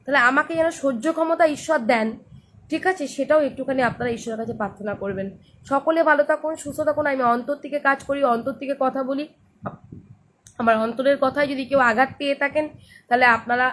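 A hoarse woman hosting a live stream, talking casually to her followers in a loud, earnest, pleading way. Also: sits high, a little hiss or hum. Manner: loud, speaks as if shouting. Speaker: host of a social-issues live stream.

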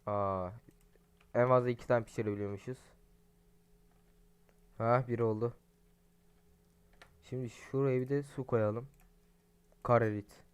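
A young adult man giving casual, profane, excitable commentary while playing a game and talking to his viewers. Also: medium pitch, unhurried, long pauses, smooth. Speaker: gaming streamer. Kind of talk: casual let's-play commentary.

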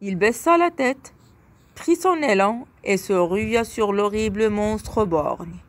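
Slow, expressive woman storyteller. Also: mid-range voice. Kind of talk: scripted narration of a children's tale.

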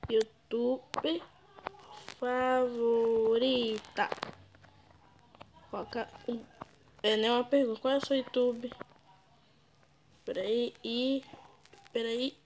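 High, slow-talking girl gamer. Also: darkish tone, muffled recording, a little hiss or hum. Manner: chatty, teasing, exclaims often. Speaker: gaming YouTuber. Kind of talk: casual gameplay commentary.

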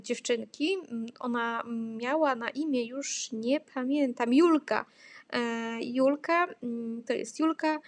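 A woman giving a casual voice-over for a craft tutorial, explaining how she makes reading materials for a child she teaches, with many fillers and pauses. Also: fairly high pitch, no echo. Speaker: therapist making reading materials.

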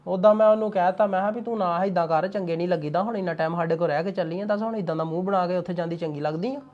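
A man's voice: high voice, fairly even intonation, muffled recording, natural voice. An actor playing a young Punjabi farmer with a Punjabi accent, talking with his mother and wife in a family drama. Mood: calm. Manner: fast, assertive, dismissive when irritated. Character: young Punjabi farmer, stubborn, short-tempered husband. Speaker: young farmer son and husband. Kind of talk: Punjabi web drama acting.

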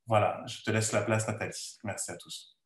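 A man hosting an online event and introducing a reading, talking in a halting way with many fillers. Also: lowish voice, steady tone, reverberant. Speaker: event host. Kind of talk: hesitant introduction. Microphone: video call.

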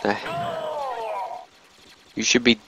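A tipsy man giving rambling, swearing commentary while he plays a game, bursting into yells and laughs. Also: takes it slowly, poor audio. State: tipsy from drinking. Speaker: gamer streaming his play. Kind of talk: casual gaming commentary.

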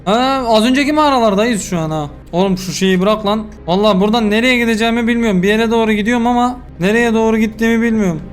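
A man giving let's play commentary as a gaming YouTuber, excitable and yelling curses at enemies into a desk microphone. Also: high-pitched, fast, hardly any pauses.

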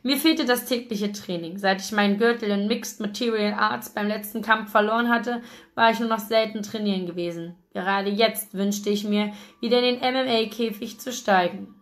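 A woman reading a novel aloud in a lively, expressive audiobook narration. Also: medium pitch, moderate pace. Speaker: audiobook reader.

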